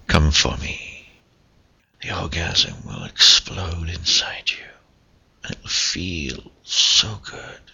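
Male, gravelly, slow hypnotic whisper right in the ear for intimate relaxation audio; breathy, close-miked. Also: pushed and bright, dull audio. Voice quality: breathy, husky, gravelly low voice. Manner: slow, coaxing, hypnotic delivery with short phrases.

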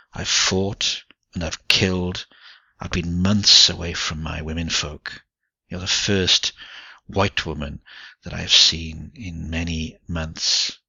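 A man voicing a domineering, rough man in his late forties who barks orders in a deep, gravelly voice on a dull lo-fi recording. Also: bright, forceful tone, dry recording, heavily acted. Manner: commanding, barking orders.

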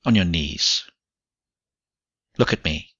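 A man voicing a domineering rough older man. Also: deep voice, takes it slowly, sharp tone, no echo, exaggerated voice. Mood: commanding. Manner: commanding, barking orders. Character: domineering rough man in his late forties. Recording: dull lo-fi recording.

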